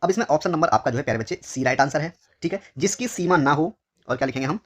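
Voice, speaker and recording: A man from India teaching Hindi for an exam, his voice a little higher than most men's. He repeats every phrase slowly and keeps calling his listeners dear children. Each answer word lands lower than the rest. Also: expressive. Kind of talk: exam question walkthrough lesson.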